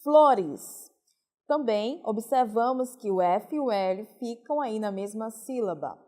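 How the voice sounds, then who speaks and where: A woman teacher from Brazil, giving a recorded lesson and explaining slowly, stressing each example word. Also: a little high, expressive, mellow. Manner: slow, deliberate explaining, stressing example words. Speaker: Portuguese teacher.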